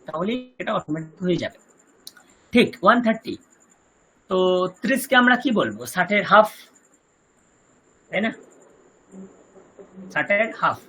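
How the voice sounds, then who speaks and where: A Sanskrit teacher with a Kolkata Bengali accent giving an online lesson over a video call, reciting terms slowly one by one and quizzing the class. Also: mid-range voice, fairly bright tone, a little hiss or hum, poor audio.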